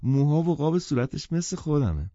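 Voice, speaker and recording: A man's voice: on the high side, sing-song, mellow, dry recording, dull audio, pitched above the performer's own voice. A man doing a cooing, gushing young mother. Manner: cooing, drawn-out. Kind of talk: audiobook character voice.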